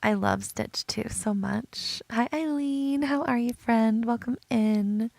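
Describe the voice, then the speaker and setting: A woman's voice: fairly high pitch, very animated, slow pace, vocal fry, darkish tone, dry recording. A woman streaming a video game in casual chat, giggly and chatty, greeting viewers by name.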